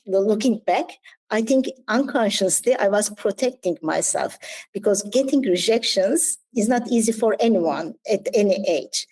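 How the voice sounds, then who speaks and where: A woman's voice: on the high side, dark tone, rough recording. A woman in her forties from Turkey with a Turkish accent, a guest telling her story candidly and reflectively in an interview, with small slips in her English. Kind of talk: interview conversation.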